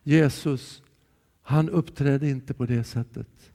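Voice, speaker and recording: A man giving a sermon in a church, earnest and calm, sometimes dropping soft and sometimes raising his voice. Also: medium pitch, gravelly. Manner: calm, earnest, shifting between soft and raised voice. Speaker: preacher. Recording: long hall reverb from a church.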